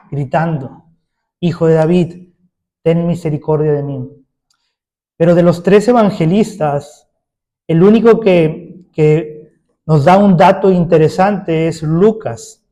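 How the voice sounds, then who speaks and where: A man's voice: on the high side, warm tone. A man preaching a sermon as pastor, emphatic, putting rhetorical questions to his congregation.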